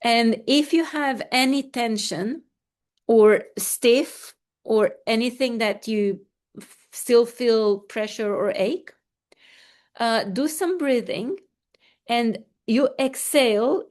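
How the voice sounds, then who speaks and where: A woman coach leading a live online session, giving gentle, repetitive affirmations and calm breathing cues, and reading out participants' responses. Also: a little high, slow pace.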